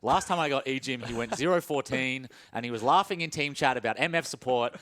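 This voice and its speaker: A man's voice: medium pitch, a little fast, fairly bright tone, no room sound. A man giving blunt, wry esports analysis with self-mocking humour. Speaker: esports caster. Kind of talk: esports analysis desk chat.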